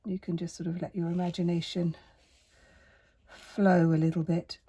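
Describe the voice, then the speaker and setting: A woman in her fifties with a croaky voice, tired and under the weather, giving a casual doodle tutorial in a gentle, rambling, hesitant manner. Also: lowish voice, little pitch movement, moderate pace. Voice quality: croaky, husky voice. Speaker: artist and art teacher giving a tutorial.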